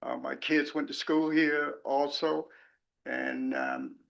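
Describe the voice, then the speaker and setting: Man at a public hearing, gravelly, monotone, halting. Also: medium pitch, highs cut off. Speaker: public commenter. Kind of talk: public comment at a county meeting.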